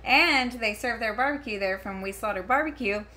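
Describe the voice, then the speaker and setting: At home talking to the camera, this woman reviews a convention in a casual ramble full of fillers, restarts and giggles. She speaks at a normal speed in a fairly high, pushed, bright voice, and her daughter is audible somewhere else in the house.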